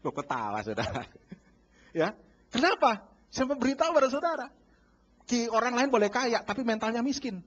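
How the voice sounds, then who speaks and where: A man pastor preaching a sermon, animated and acting out bargaining scenes while addressing the congregation. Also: very high voice, moderate pace, pauses often. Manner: lively, acts out bargaining dialogues, addresses congregation as saudara. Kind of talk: sermon with acted-out market scenes. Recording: dull lo-fi church recording.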